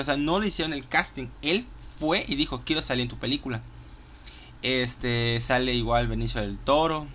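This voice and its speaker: A man's voice: mid-range voice, sharp tone, dull audio, a little hiss or hum. A man with a Mexican accent counting down his favorite films in a casual, profane, enthusiastic monologue full of fillers. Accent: Mexican Spanish. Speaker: film reviewer.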